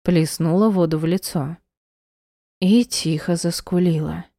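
Slow, low-voiced woman narrating a story. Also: steady tone, warm tone, no room sound, studio quality. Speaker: audiobook narrator. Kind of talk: first-person audiobook narration.

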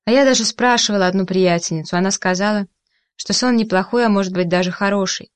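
A blunt young woman telling a long story in a direct, matter-of-fact way, voiced by a woman reader. Her voice sits at a mid pitch in an audiobook. The sound is dry and close. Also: fast, no room sound, lightly acted. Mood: recounting.

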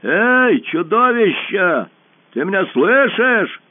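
A man's voice: on the high side, sing-song, normal speed, no room sound. A man voicing a bold, boastful young boy who talks with brash bravado, heard over a narrow phone-like band. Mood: defiant.

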